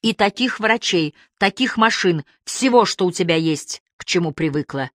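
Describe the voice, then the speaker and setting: A woman's voice: fairly low pitch, animated, normal speed, a bit bright, dry recording. Woman reading a novel aloud, dry close sound. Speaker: narrator. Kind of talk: audiobook narration.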